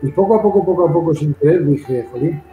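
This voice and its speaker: Rambling Castilian Spanish host in echoey room. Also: male voice, fairly high pitch, fast talker, dark tone, faint music behind. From Madrid, Spain. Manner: long rambling, repetitive storytelling. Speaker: interview host. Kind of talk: casual interview chat.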